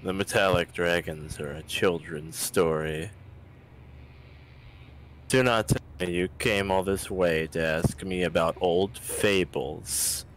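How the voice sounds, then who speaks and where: A man voicing a huge, weary, scornful dragon in a tabletop game, speaking in a deep rumble with slow, grand disdain. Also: steady tone, a bit bright. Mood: dismissive.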